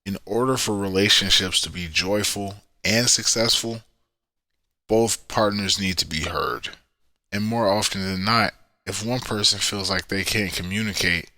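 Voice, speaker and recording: A man's voice: sits low, bright, forceful tone, no echo. A man hosting a podcast, giving relationship advice in a coaching way and checking in with the listener. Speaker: podcast host.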